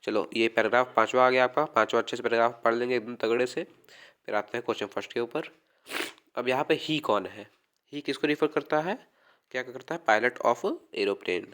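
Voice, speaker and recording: A man's voice: mid-range voice, fairly bright tone. Man tutoring with a heavy cold. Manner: reads English quiz lines slowly, then explains them. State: has a heavy cold, voice dimmed. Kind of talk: quick exam revision lesson.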